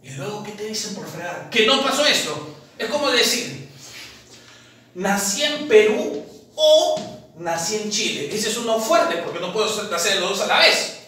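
A lively male math tutor with a high voice works through exam problems at a chalkboard for an admissions academy, at a moderate pace. He asks questions and answers them himself, calling the viewer "papi," while a far camera records the very echoey indoor classroom from a distance with faint noise.

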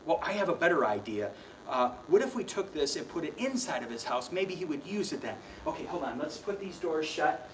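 A man's voice: on the high side, big pitch swings, a little fast, distant mic, a little hiss or hum, poor audio. A young adult man performing a children's magic show, with playful, mock-flustered showman patter aimed at the kids.

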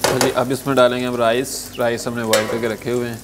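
A man cooking at a restaurant stove, calmly walking through each recipe step and saying "achha ji" between steps. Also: mid-range voice, fast talker. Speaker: cooking show chef. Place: restaurant kitchen at a gas stove. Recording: loud sizzling frying noise behind.

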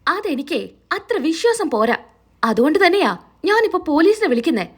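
A woman's voice: very high-pitched, very animated, moderate pace. A woman reading the lines of a stubborn, angry man who accuses a visitor and threatens to call the police. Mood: accusing. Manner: accusing, harsh.

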